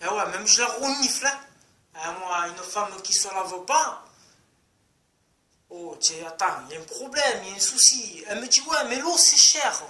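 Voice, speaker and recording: A man's voice: high voice, lively intonation, normal speed, bright, forceful tone, reverberant. A man in his thirties from France, ranting crudely and repetitively to camera in a casual outdoor vlog. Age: 30s. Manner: rambling, crude, repeats himself. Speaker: vlogger. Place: outdoors in sunny street.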